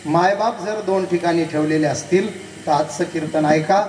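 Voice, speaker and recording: A man's voice: a little high, moderate pace, a little mellow, a little hiss or hum. A man preaching a devotional kirtan sermon, telling a story and acting out both sides of the conversation while speaking directly to the crowd. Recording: echoey hall, voice from a distance.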